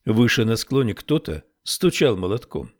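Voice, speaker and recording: A man narrating an audiobook in a measured, even reading voice. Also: on the low side. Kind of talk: scripted narration.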